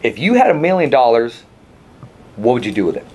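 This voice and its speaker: Male radio host, mid pitch, lively playful game-show delivery, faint background noise. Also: a little fast. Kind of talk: radio interview.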